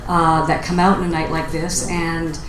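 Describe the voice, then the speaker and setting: A woman with a slightly low voice speaks informally as an open mic host. The room is echoey, with faint noise in the recording. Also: level tone, normal speed. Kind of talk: informal spoken remarks to an audience. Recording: roomy live recording with background noise.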